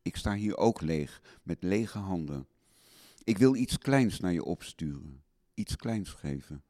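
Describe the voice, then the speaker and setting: Man, low mellow voice, unhurried, tender and longing audio letter on tape. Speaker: husband recording a letter to his wife.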